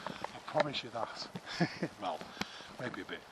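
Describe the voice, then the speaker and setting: A middle-aged vlogger on a woodland walk speaks slowly in a gravelly, sing-song, medium-pitched voice. He's chatty, rambling, self-deprecating, and slightly out of breath, and the camera-mounted mic records outdoor noise and clicking as he moves.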